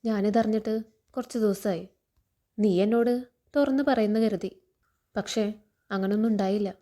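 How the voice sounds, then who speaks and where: A woman's voice: medium pitch, fairly even intonation, moderate pace, warm tone, close to an everyday voice. A woman voicing a stern, betrayed middle-aged man who questions a young woman reproachfully, quoted in a story recap. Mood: stern, probing.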